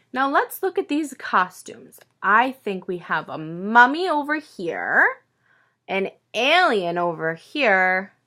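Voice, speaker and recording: Pausing to quiz her young listeners, a woman teacher reads a picture book aloud with a medium-pitched voice, keeping her delivery expressive and sing-song.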